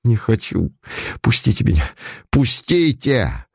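A man's voice: medium pitch, wildly swooping pitch, slow pace, vocal fry, darkish tone, slightly rough, no echo, studio quality, exaggerated voice. A man voicing a condemned young count, pleading and cursing his executioners in a raised, strained voice. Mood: desperate.

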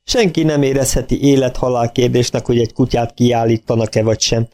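A man's voice: medium pitch, little pitch movement, dark tone. A man reading a first-person story aloud as an audiobook narrator.

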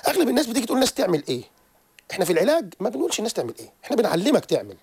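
A man, a therapist guest on a radio show who lectures quickly and keeps restarting his sentences. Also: sits high, slightly rough, no room sound. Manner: animated, rapid lecturing with frequent restarts. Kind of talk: radio interview explanation. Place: radio studio.

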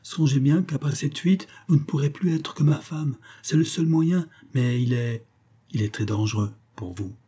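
Jeune homme persuasif, lu par un homme, voix voilée, paroles pressantes, livre audio. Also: male voice, medium pitch, normal speed, dark tone, husky, voice pushed up, natural voice. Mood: conspiratorial. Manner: insistent and coaxing. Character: jeune séducteur calculateur et persuasif.

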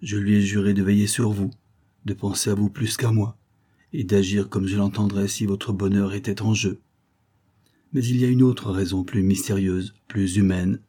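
A man reading the part of an elderly man, a gentle and anxious father, in an earnest, pleading way. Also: on the low side, flat delivery, moderate pace, close to an everyday voice. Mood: earnest, impassioned.

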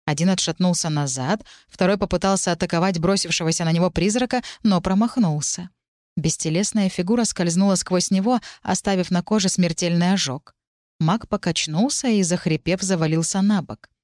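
Woman reading a fantasy story out loud, lowish voice, dramatic, super dry close recording. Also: fairly quick, no echo. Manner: dramatic, shouting out the characters' cries. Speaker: audiobook narrator. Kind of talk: scripted first-person fantasy narration.

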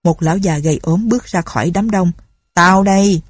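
A woman storyteller reads the tale in a measured, even way. Her voice sits low, mellow and a little husky, and the recording is dry and close. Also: no echo. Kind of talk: reading a story aloud.

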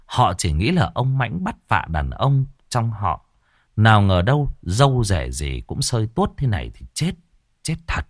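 Male audiobook narrator, low and animated, dry read. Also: measured pace, dry recording. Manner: expressive storytelling. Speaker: storyteller.

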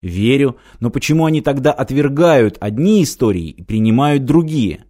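A man reading the lines of a patient, doubtful detective in an audiobook, quiet and measured. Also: mid-range voice, animated, close to an everyday voice.

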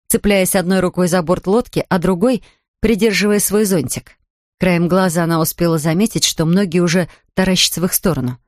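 A woman reading a children's story aloud in a lively way, voicing the characters in turn. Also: medium pitch, no echo, clean studio sound.

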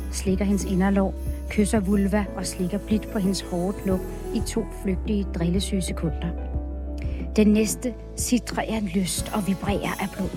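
Upbeat woman podcast co-host. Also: medium pitch. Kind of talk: reading an erotic story aloud, then casual chat. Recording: background music bed.

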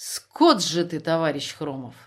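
A woman voicing a bold, outspoken mother who scolds and jokes loudly. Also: medium pitch, big pitch swings, moderate pace. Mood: scolding.

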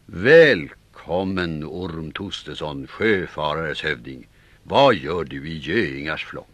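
A man's voice: a bass voice, animated, a bit bright, no room sound, exaggerated voice. A man voicing a proud, boastful male Viking warrior with a mocking manner. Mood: hearty. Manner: mocking, bragging.

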